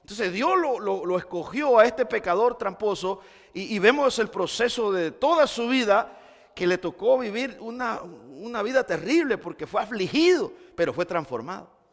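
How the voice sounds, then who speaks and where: A man preaching in a church, his voice high and swinging widely in pitch as he moves between hushed teaching and shouted exclamations. The sound carries a long reverb from the hall around him. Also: animated, moderate pace. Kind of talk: sermon. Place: church sanctuary.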